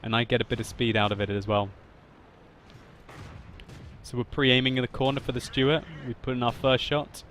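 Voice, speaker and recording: A man narrating his own tank battle gameplay as a voice-over commentary, laughing often and getting loud and excited at big moments. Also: mid-range voice, normal speed, pauses often, slight background noise. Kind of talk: video game commentary voice-over.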